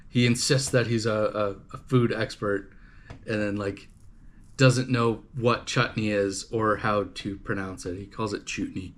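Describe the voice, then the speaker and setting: Man, from canada, livestream host, casual rambling chat, profane, filler-heavy. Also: on the low side. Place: home livestream setup.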